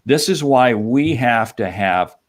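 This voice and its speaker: A man's voice: medium pitch, slow pace. A man co-hosting a sales podcast, talking in an emphatic, punchy way. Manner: emphatic, punchy, animated delivery. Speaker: podcast co-host. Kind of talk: energetic sales podcast talk.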